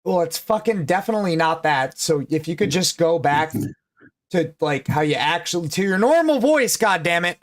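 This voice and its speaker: A man's voice: on the high side, expressive, moderate pace. A man hosting a livestream, chatting casually and teasing his guest bluntly with lots of swearing. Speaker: livestream host. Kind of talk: casual stream chat.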